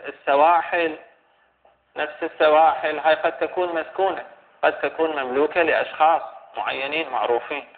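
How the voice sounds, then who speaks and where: Halting gravelly man lecturing, tinny sound. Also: on the high side. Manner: halting, repeats and restates phrases while explaining. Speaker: religious teacher. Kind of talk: scholarly lecture explaining a legal text. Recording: tinny phone-like recording with faint hiss.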